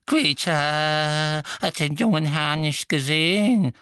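A man voicing a bitter old male house-elf servant who mutters insults under his breath in a high, thin voice. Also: slow pace, fairly bright tone, clear, resonant tone, no room sound, clean studio sound. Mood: muttering spite. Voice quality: muttering, wheedling, high and far-off. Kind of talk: audiobook character voice.

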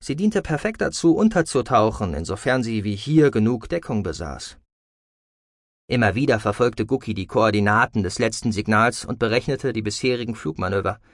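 A man's voice: on the low side, expressive, moderate pace, no room sound, clean studio sound. Man narrating a sci-fi audiobook. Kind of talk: scripted science-fiction narration.

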